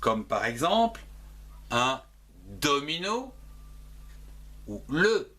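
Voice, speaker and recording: A man teaching a reading lesson, spelling out letters and repeating each word slowly and deliberately. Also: fairly high pitch, big pitch swings, pushed and bright.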